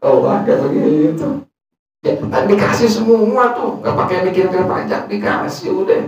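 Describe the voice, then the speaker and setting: A man's voice: high voice, lively intonation, normal speed, darkish tone, lo-fi sound. A man teaching a religious lesson, telling a story in a humorous, colloquial way with Arabic recitation, recorded in a prayer hall. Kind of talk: sermon. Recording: very echoey, far from mic.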